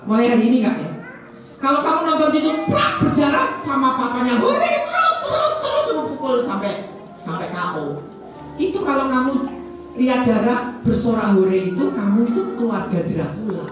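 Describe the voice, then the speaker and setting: A woman telling a Bible story to children at a Sunday school, lively and full of questions. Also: on the high side, normal speed. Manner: lively, asks the children questions, acts out voices. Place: large echoing church hall. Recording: echoey hall from far off with music.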